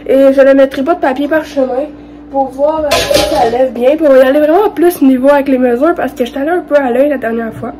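A young vlogger with a Quebec French accent gives an informal, hesitant cooking tutorial to camera from her home kitchen while she has a cold. Her voice is high-pitched, congested and a little fast, and there is clear background noise.

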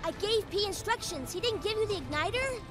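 Young female pig hero: sassy cartoon confidence, very high, animated. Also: a little fast, loud music behind the voice. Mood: urgent.

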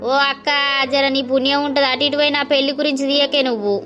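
A woman doing a brash young village uncle, quick and high. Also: little pitch movement, close to an everyday voice. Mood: pleading. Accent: Telangana Telugu. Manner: brash, joking. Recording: soft music behind.

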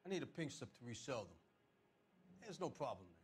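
An actor playing a middle-aged crooked car dealer in a 1940s crime game, defensive and sarcastic, talking in streetwise old slang. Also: male voice, medium pitch, sing-song, fairly quick, natural voice.

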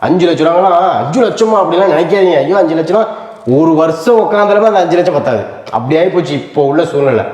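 Fast-talking earnest man in echoey room. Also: a little high, lively intonation, a little mellow. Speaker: family vlogger. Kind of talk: emotional casual family vlog talk. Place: rented home, indoors.

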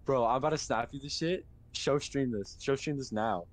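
A young man streaming a game, excitable and quick to yelp and laugh during casual banter. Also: mid-range voice. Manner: excitable, yelps and laughs often.

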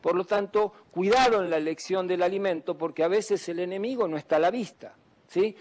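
A man's voice: high voice, brisk, a little mellow. A man, a doctor giving an emphatic public talk to students and often asking them questions. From Argentina. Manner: asks the audience questions, emphatic.

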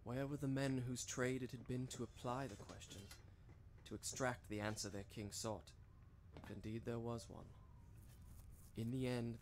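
An actor playing a young prince in a video game, speaking in a measured, reflective way. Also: male voice, lowish voice, creaky, slight background noise. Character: young male prince, brooding, earnest storyteller. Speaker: game protagonist and narrator. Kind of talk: scripted game narration and dialogue.

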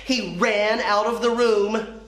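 Woman teacher, children's story time, very slow clear reading, echoey room. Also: medium pitch, fairly even intonation, fairly bright tone.

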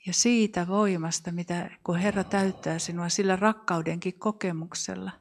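Give me a woman with a lowish voice praying softly and hesitantly. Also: fairly even intonation, a little hiss or hum. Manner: soft, hesitant, with fillers. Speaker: prayer leader. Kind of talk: spoken prayer and prophetic word.

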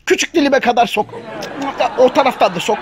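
Man dubbing a talking house cat, high-pitched, cheeky, exclamation-heavy, comic pet video. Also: animated, a little fast, a crowd in the background, background noise. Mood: grumbling. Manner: colloquial, joking, full of exclamations. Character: chatty male house cat, cheeky and grumbling.

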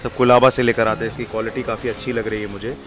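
A young man hosting a casual street food vlog outdoors, asking quick questions and praising the food with enthusiasm. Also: medium pitch, level tone, music in the background. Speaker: food vlogger host. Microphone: handheld lapel mic.

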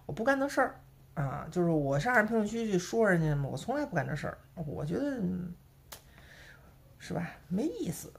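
A woman's voice: on the low side, big pitch swings, quick pace, creaky. A woman with a Beijing accent chatting casually to camera as a vlogger, peppering her talk with rhetorical tag questions. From Beijing, China.

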